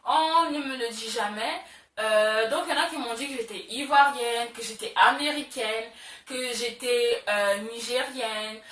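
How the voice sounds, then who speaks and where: A young woman vlogs casually to her camera in a bright, somewhat high voice, chatty and full of fillers, repeating words for emphasis. She sits a little back from the mic, and her voice carries a roomy echo with faint noise behind it. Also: measured pace, far from the mic. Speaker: beauty vlogger.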